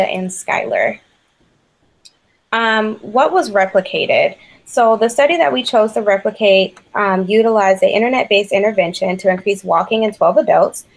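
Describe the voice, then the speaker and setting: A woman's voice: mid-range voice, rough recording. Woman in her twenties presenting a class report. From Ohio, USA. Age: 20s. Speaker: graduate student presenter.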